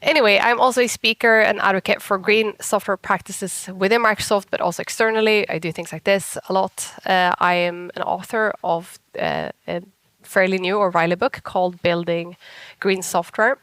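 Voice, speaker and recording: A woman with a Swedish accent gives an informal conference talk in a husky whiskey voice roughened by a cold, chatty and self-deprecating. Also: mid-range voice, fairly even intonation, moderate pace, fairly bright tone, dry recording. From Sweden. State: sick with a cold. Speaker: conference speaker, software engineer.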